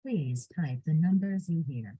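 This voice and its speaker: A machine voice from a garbled audio captcha, slowly reciting a prompt and single digits in a flat, muffled, distorted way. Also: mid-range voice, slightly rough. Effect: garbled audio captcha reading digits.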